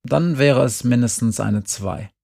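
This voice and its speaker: A man voicing a fair-minded mother in a storybook reading, calm and reasoning. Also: mid-range voice, measured pace, vocal fry, slightly rough, no echo, clean studio sound. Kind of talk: scripted narration.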